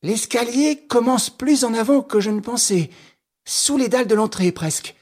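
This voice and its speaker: A man voicing an eager young male amateur detective in an audiobook reading, with a husky voice. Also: extremely high pitch, expressive, moderate pace, darkish tone, pitched above the performer's own voice. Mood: intent.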